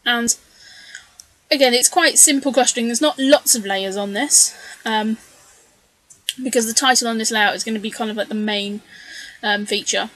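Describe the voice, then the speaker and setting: This is a low-quality, echo-free recording of a scrapbooking video creator talking through her craft process in casual voice-over. Her voice is on the high side and a bit bright, moving at a moderate pace but slightly strained as she loses it. She chats and rambles, with lots of ums, asides, and corrections of herself.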